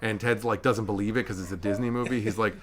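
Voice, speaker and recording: A man's voice: on the low side, fairly even intonation, fast, slight background noise. A young man hosting a casual chat, rambling and self-correcting with a joking streak. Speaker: podcast host. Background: dogs.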